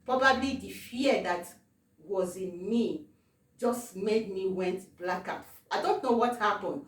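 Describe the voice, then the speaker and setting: A woman from Africa telling a personal testimony, halting, with many fillers and repeated words. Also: medium pitch. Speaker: testimony vlogger. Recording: roomy, distant from the mic.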